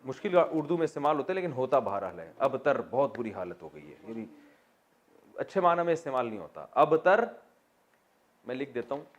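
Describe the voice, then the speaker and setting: A man's voice: medium pitch, very animated, muffled recording. A man teaching a class on religious texts, explaining word by word and asking questions that he answers himself. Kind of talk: classroom lecture on Quran vocabulary and grammar.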